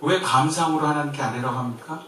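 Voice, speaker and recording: A man from Korea preaching a sermon as pastor, in a lively way that swings from emphatic to soft and gentle. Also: a little high, fast, slight background noise. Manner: lively, shifts between loud and soft, quiet gentle quoted comfort. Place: church sanctuary. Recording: very echoey church from far off.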